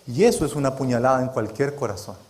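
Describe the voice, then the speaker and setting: A man's voice: mid-range voice, fast, a little mellow. A man preaching a sermon in a dramatic, emphatic way, often checking in with the congregation.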